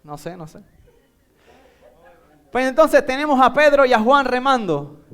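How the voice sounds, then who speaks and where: Male pastor, Puerto Rican Spanish accent, very high and clear voice, storytelling sermon. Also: a little slow. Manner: animated storytelling, acting out a Bible scene with volunteers.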